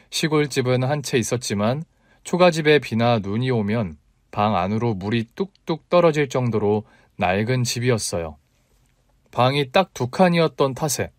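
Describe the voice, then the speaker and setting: A man narrating a first-person life story in a gentle, even reading tone. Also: medium pitch, no echo, clean studio sound.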